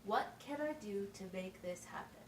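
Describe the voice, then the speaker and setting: Close to her everyday voice, this woman speaks mid-range, animated and at a moderate pace while playing a teacher in an amateur puppet show. She's patient and encouraging, keeping explanations simple and asking checking questions. The distant microphone gives a roomy sound with faint noise.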